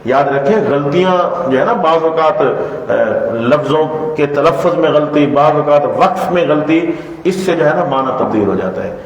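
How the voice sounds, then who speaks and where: A man giving a religious lesson as a Quran teacher, earnest and pleading, who asks the audience questions and repeats the answers. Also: on the high side. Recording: echoey hall from far off, faint noise.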